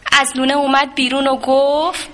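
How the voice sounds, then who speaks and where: A woman narrating a children's story in a gentle, expressive way. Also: high-pitched. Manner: gentle, expressive, with sound effects.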